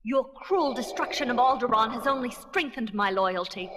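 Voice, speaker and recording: An actress playing a defiant, proud young princess with a firm, snapping delivery in a children's audio adventure. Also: female voice, on the high side, expressive, moderate pace, lightly acted. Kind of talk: dramatized children's read-along audio. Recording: noisy 1979 cassette.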